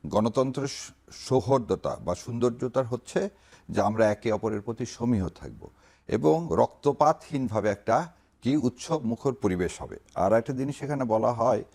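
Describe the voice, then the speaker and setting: A man's voice: medium pitch, lively intonation, normal speed, vocal fry, darkish tone. A man speaking as a political guest on a talk show, greeting viewers formally and mocking opponents' wording. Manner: opens with formal greetings, mocks others' phrasing.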